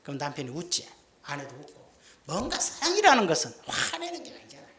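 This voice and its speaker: A man's voice: fairly high pitch, wildly swooping pitch, fast talker, sharp tone. A middle-aged male pastor preaching a sermon in a folksy, joking way, acting out little everyday scenes. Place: church sanctuary. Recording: echoey church sound.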